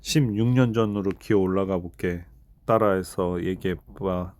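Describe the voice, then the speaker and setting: A man's voice: sits low, fairly even intonation, moderate pace, a little mellow, no room sound. A man in his fifties talking casually and bluntly to an AI assistant, scolding it for mistakes. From South Korea. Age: 50s. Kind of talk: casual spoken chat.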